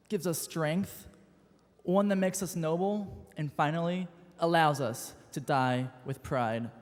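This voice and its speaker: Teen valedictorian giving a grandiose graduation address. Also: male voice, a little high. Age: late teens. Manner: grandiose, theatrical phrasing. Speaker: class valedictorian. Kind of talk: graduation speech. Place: large arena. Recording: long echo of a big arena.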